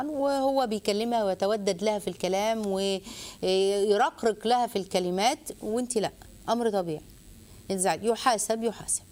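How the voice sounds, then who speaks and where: A woman's voice: mid-range voice, a little mellow. A woman with an Egyptian accent hosting a call-in advice show, giving direct, emphatic counsel. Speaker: host and counsellor.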